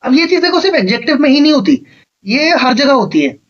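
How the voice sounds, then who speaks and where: A man's voice: extremely high pitch, very animated, fast talker, muffled recording. A man teaching an exam-prep grammar lecture, explaining patiently step by step and often checking that his students follow.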